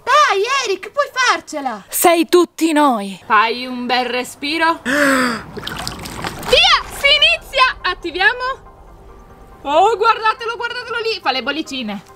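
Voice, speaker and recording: Excitable high-voiced woman counting poolside. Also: slow. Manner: fussy, excitable, counting out loud. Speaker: vlog host. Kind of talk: playful challenge commentary. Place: beside a swimming pool.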